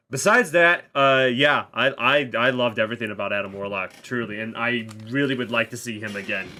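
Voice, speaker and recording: A man's voice: medium pitch, sharp tone. A man talking as a guest in a casual film chat, enthusiastic, stumbling over restarts and swearing often.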